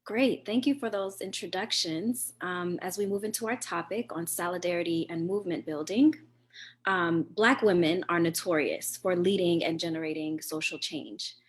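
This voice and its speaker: A woman's voice: fairly low pitch, normal speed. A woman moderating a virtual panel over a video call, politely guiding the speakers.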